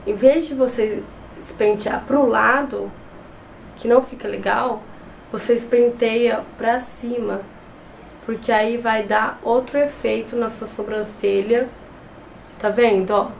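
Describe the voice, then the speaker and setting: The recording is low quality, with a little hiss or hum, and her fairly high voice comes across creaky and darkish. A young adult beauty vlogger who has a cold, she chats close to the camera in front of her while doing a makeup tutorial, frequently restarting words, in a small bedroom furnished with shelves and a clothes rack.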